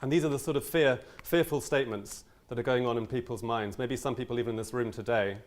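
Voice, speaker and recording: Young male teacher, earnest conference speaker, mid-pitched, lots of ums and restarts. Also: quick pace. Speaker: language teacher giving a conference talk. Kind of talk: conference talk.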